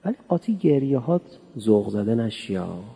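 Male preacher, dark husky voice, conversational sermon, recorded in a reverberant hall. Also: mid-range voice, sing-song. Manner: conversational, playful, asks the audience questions. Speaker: cleric giving a religious talk.

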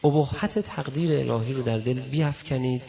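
A male preacher giving a sermon, telling stories and speaking directly to his listeners, with a gravelly voice. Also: medium pitch. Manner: storytelling, addresses listeners directly, animated quoting. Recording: dull lo-fi recording.

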